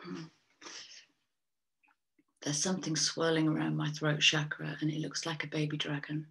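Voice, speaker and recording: A woman with a lowish, gravelly voice leads a spiritual tarot card reading. She muses slowly and often trails off mid-thought before picking it back up. Small breathy laughs slip in between her thoughts. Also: monotone, fairly bright tone, a little hiss or hum. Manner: slow, musing, trails off and restarts. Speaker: tarot reader and soul coach.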